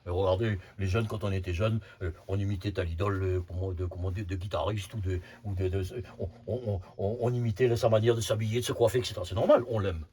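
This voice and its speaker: A man's voice: low-pitched, steady tone, fast talker, few pauses, warm tone, a little hiss or hum. A man over fifty giving an informal spiritual talk as a Sufi teacher, often repeating words and tagging phrases with short asides. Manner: repeats words, frequent "hein" tags, emphatic bursts.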